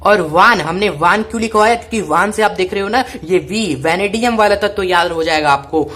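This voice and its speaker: Teacher, woman, repetitive drill-style explainer, mid-pitched. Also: brisk, fairly bright tone. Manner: repetitive, call-and-response drilling. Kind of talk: chemistry mnemonic lesson.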